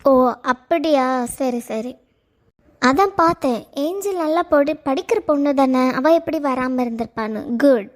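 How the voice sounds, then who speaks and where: A woman's voice: high-pitched, a little slow. Woman doing a strict college teacher. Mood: mollified. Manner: lecturing, stern. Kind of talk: comedy sketch acting.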